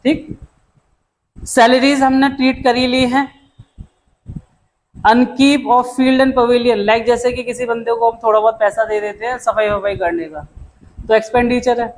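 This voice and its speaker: A man teaching an accounting lecture in a brisk, chatty way, calling students "beta" and "dost" and dropping English terms into his explanations. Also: very high voice, fairly even intonation, poor audio. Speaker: commerce tutor. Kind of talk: classroom lecture.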